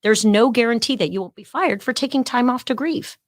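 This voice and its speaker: A middle-aged woman, a podcast guest, telling a story in an animated way and acting out the voices of the people she quotes. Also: fairly high pitch, brisk, no room sound, clean studio sound. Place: podcast studio.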